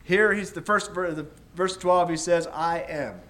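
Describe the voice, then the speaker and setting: A man preaching a sermon in a church, explaining Scripture slowly with emphatic repetition. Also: sits high, steady tone, a bit bright.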